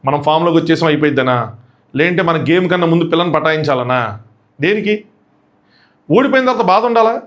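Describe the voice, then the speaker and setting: A man with a Telugu accent giving a quick, animated review of a reality show episode, acting out the contestants' lines. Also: on the high side. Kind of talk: fast episode review commentary.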